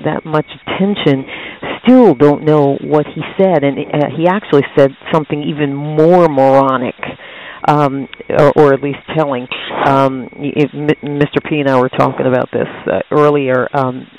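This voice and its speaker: A man hosting an interview, incredulous and halting, with laughing asides. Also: fairly high pitch, darkish tone. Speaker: interview host. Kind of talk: casual interview chat. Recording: dull lo-fi line with faint hiss.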